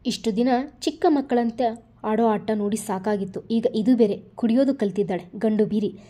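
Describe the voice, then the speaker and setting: A woman's voice: fairly high pitch, moderate pace, dark tone, lightly acted. A woman voicing a scornful, spiteful woman who sneers at the heroine in a storybook reading. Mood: sneering. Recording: dull lo-fi recording.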